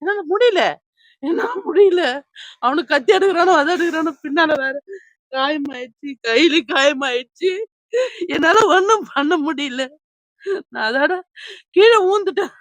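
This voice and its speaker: A woman's voice: sits high, animated, moderate pace, pauses often, a bit bright, dry recording. A woman, crying as she tells a reporter about being robbed, in a wailing, repetitive lament. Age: 50s. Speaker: robbery victim interviewed by a reporter. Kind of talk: emotional street interview.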